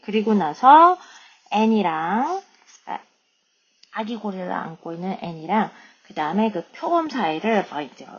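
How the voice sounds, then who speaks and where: A woman reads a children's chapter book aloud at a slow, deliberate pace, then breaks off into chatty explanations. Her voice is slightly husky, and the recording sounds a little dull and lo-fi. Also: medium pitch, sing-song. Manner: slow, careful English reading with chatty explaining asides.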